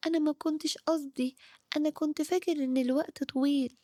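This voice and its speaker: A woman with an Egyptian Arabic accent voicing a little boy who keeps putting things off, pleading and excitable. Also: high-pitched, fast talker, no echo, studio quality, voice pushed up, natural voice. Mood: worried.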